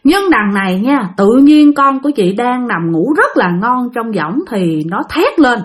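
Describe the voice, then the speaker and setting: Woman, storyteller, high-ish voice, very expressive pitch. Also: unhurried. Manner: animated, talks straight to listeners. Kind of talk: storytelling a spooky real-life tale.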